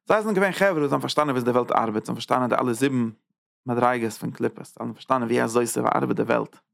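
A man teaching a Torah lecture as a rabbi, repeating phrases and checking in with quick "ja?" asides. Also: mid-range voice, vocal fry, a bit bright, no echo, studio quality. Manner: tags points with quick "ja?" checks; repeats and restarts phrases while building an idea.

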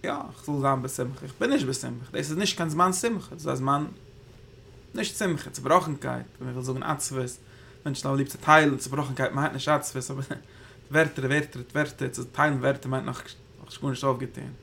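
Gravelly-voiced man teaching Torah in Yiddish. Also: mid-range voice, fairly quick, bright, forceful tone, a little hiss or hum. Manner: rambling, thinking aloud, Hebrew terms woven in. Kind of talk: Yiddish Torah class on the Zohar.

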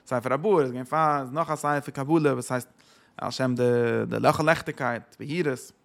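A man teaching a religious text lesson. He asks himself questions, answers them, and hits sudden loud stresses. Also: mid-range voice, steady tone, moderate pace, creaky. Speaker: Torah teacher.

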